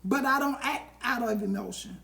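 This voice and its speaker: A woman with a fairly high voice talks straight to her live-stream viewers. She preaches with emphasis and calls them by warm pet names. It is a casual motivational talk that keeps driving its point home. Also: moderate pace, gravelly. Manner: emphatic and preachy, addressing viewers directly with endearments.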